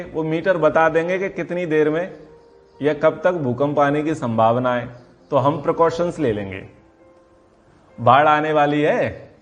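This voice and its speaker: A man teaching a class on Vedic philosophy, asking questions and answering them himself, and stretching key terms slowly for emphasis. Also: a little high. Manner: asks and answers his own questions. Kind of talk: classroom lecture.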